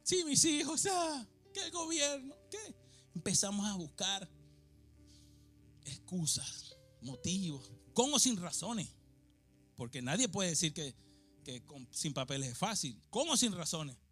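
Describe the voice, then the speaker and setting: A man from Venezuela preaching a sermon in a church, moving between quiet, confiding passages and shouted, fervent exhortation. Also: very animated, unhurried, soft background music. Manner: impassioned, swings from low confiding to shouted exhortation.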